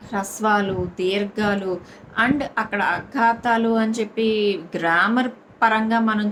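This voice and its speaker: A woman's voice: medium pitch, noisy background. A woman with a Telugu accent teaching Sanskrit verse recitation, repeating each syllable and explaining stress and long vowels. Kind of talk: slow syllable-by-syllable chanting lesson.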